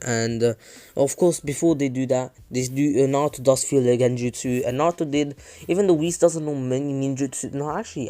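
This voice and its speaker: Halting man retelling a fan story. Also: medium pitch, warm tone, dry recording. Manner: halting, many fillers and self-corrections.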